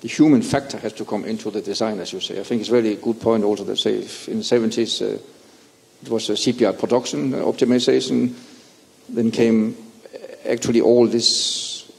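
A man moderating a conference panel, speaking haltingly with many restarts as he searches for words. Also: fairly low pitch, steady tone, gravelly, a little mellow. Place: large conference hall. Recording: long hall reverb.

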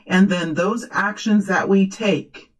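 Female tarot fortune teller, medium pitch, earnest halting phrasing with repetitions, unscripted reading. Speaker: tarot reader, host.

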